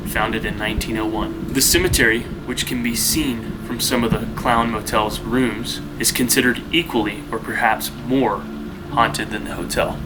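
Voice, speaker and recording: A man's voice: medium pitch, noisy background. A man narrating a casual first-person travel vlog as the one staying there. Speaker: vlogger narrating a motel stay.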